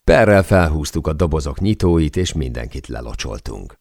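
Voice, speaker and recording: A man reading a first-person memoir aloud as an audiobook narrator, in a measured, deliberate way. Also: rumbling low, animated, gravelly, a little mellow, no echo, studio quality.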